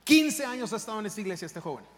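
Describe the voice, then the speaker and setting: A man's voice: high voice, big pitch swings, racing. A man, a pastor preaching an impassioned sermon straight at his congregation in a church. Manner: impassioned, direct address to the congregation. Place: church sanctuary. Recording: long reverb of a large hall, faint background noise.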